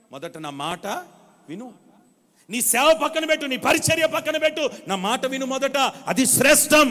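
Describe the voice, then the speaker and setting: High-voiced preacher in a reverberant hall. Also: male voice. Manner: emphatic, calls on the congregation to answer aloud; swings between loud declarations and hushed questions. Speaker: pastor. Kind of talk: sermon. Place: church service.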